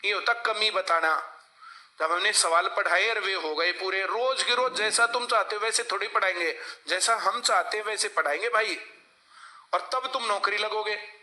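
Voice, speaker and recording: Guy teaching a class, highish very bright voice, keeps asking if they get it. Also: moderate pace. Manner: lecturing, asks class for replies. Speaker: coaching teacher. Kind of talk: classroom lecture.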